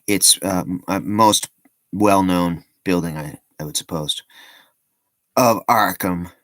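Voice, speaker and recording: A man's voice: deep voice, takes it slowly, no echo. A man giving casual, rambling commentary as a vlogger, breaking off with joking asides and plenty of ums and restarts.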